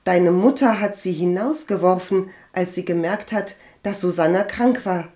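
A woman's voice: a little high, animated, moderate pace, a little mellow, pitched above the performer's own voice, close to an everyday voice. A woman reading an audiobook and voicing an earnest, hot-tempered young woman healer who speaks in a heated, reproachful way. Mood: angry. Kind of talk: audiobook character voice.

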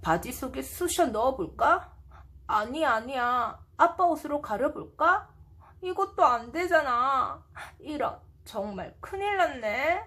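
Woman voicing an anxious, fretful little schoolboy, slow and high. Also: big pitch swings, sharp tone, heavily acted. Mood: worried. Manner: fretful, self-questioning. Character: anxious little schoolboy fretting about his new tail.

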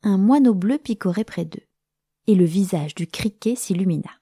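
A woman storyteller narrating a children's story in a gentle, expressive way, sometimes dropping to a whisper. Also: medium pitch, normal speed, husky, dry recording, clean studio sound.

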